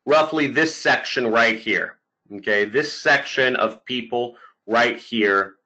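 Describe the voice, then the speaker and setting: A man giving an online sales pitch as a marketing coach, emphatic, repeating key points and often checking in with the listener. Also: bright, forceful tone, lo-fi sound. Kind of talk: webinar sales pitch over slides.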